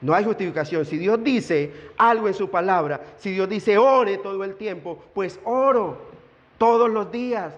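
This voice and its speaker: High-voiced preaching man in a reverberant hall. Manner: earnest preaching, slowing down for emphasis. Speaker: pastor. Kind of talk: sermon. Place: church sanctuary. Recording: dull lo-fi church hall with long reverb.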